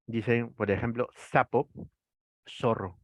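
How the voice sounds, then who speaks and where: Speaking slowly with fairly even intonation, a Peruvian man teaches an online class in his medium-pitched voice, with no echo on the recording. His Peruvian Spanish accent is clear, and he asks rhetorical questions, answers them, and often adds "¿no?".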